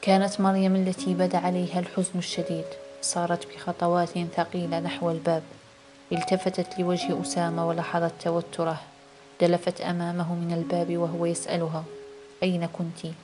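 A woman narrating a novel as an audiobook in a steady, measured reading. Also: on the low side. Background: background music.

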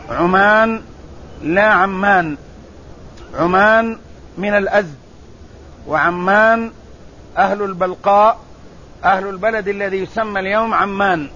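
A high-voiced, slightly bright man reads and explains hadith in a religious lesson, delivering it in a measured, deliberate way with repeated phrases. The recording is muffled and a bit lo-fi, with faint ambient noise.

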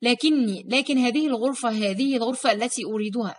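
A woman reading the lines of an older British male hotel guest who insists firmly on one room, in her own breathy voice. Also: on the high side, fast talker, natural voice. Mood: insistent. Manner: firm, persistent.

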